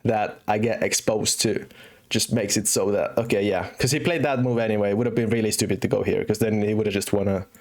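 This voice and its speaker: A man's voice: fairly low pitch, steady tone, a little fast. Finnish young man chatting over chess. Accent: Finnish, with British and American English mix. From Finland. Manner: chatty, thinks aloud with many fillers and restarts. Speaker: chess streamer. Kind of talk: casual live-stream commentary.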